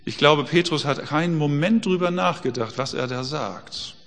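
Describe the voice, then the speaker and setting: A man's voice: a little high, moderate pace, creaky, fairly bright tone, big-room sound. A man preaching a sermon in a conversational way, full of rhetorical questions.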